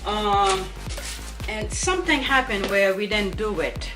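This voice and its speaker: A woman's voice: medium pitch, unhurried, over music. A woman in her thirties chatting casually in a diary vlog about her day with her kids, rambling and correcting herself as she goes. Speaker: vlogger and mother.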